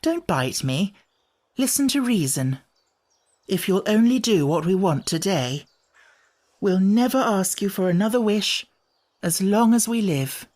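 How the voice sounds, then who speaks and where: A man voicing an earnest, gentle young girl in a storybook, coaxing and pleading in a breathy way. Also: sits high, very animated, unhurried, long pauses, pitched above the performer's own voice. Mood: urgent coaxing.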